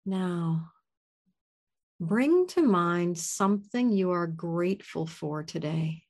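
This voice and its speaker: Slow, soft-spoken woman guiding meditation. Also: on the low side, animated. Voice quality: soft and soothing. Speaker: meditation guide. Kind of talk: guided meditation.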